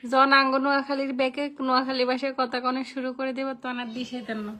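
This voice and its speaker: High-voiced woman with a Noakhali accent. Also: level tone, fast talker, sharp tone. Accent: Noakhali Bengali. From Noakhali, Bangladesh. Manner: chatty, thanks viewers by name. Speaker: live stream host. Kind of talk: casual live stream chat reading comments.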